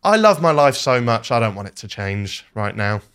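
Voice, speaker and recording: A man's voice: medium pitch, big pitch swings, normal speed, a bit bright, clean tone. A man, talking casually on a podcast, self-deprecating and often restarting his sentences. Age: 20s.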